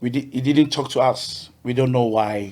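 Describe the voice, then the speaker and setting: A man from Ghana, a podcast guest telling his story in a cheerful, halting way, often repeating words. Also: mid-range voice, steady tone, dark tone. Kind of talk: casual interview.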